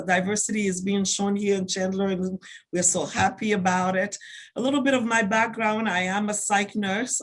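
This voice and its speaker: Woman, council member, earnest self-introduction, mid voice. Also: mid-range voice. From United States. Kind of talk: self-introduction at a virtual meeting.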